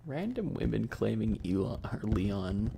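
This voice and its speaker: In a casual ASMR livestream, a man banters with his audience using slang and jokes. He talks unhurriedly in a lowish, sing-song voice with vocal fry and a dark tone.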